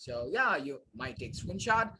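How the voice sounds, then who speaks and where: A man's voice: high voice, sing-song, very slow, sharp tone, a little hiss or hum, low-quality recording. A young man teaching a live online class, switching between Bangla and English with frequent filler sounds.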